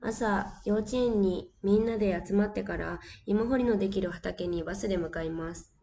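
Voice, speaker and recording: A woman reading a story aloud to children in a calm, clear and gentle way. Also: mid-range voice, moderate pace. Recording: distant mic with faint hiss.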